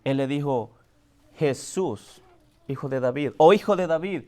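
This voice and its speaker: A man preaching a sermon, speaking to the congregation as brother, swinging from high, loud questions to soft, quiet lines. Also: measured pace. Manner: addresses the congregation directly as brother.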